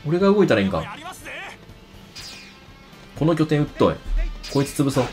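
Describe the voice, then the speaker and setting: A man's voice: fairly high pitch, very animated, fairly quick. A man giving casual let's-play commentary, chatting to himself and talking back to the enemies on screen. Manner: chatty, reacts aloud and talks back to enemies. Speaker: game streamer. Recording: game music playing loudly behind.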